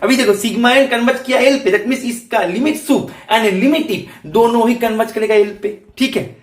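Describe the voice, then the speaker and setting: A man's voice: extremely high pitch, normal speed, reverberant. A man teaching a math lecture for exam preparation. He explains step by step in Hindi mixed with terms, often checking that students follow.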